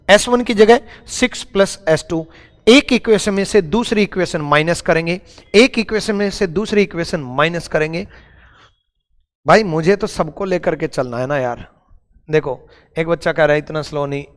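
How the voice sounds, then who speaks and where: A man's voice: sits high, long reverb tail. A man teaching a live online math class, repeating each step and calling his students brother.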